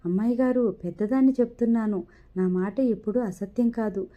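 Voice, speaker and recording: A woman voicing an old female servant who gossips in a hushed, confiding manner. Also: a little high, a little fast, natural voice. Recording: dull lo-fi recording.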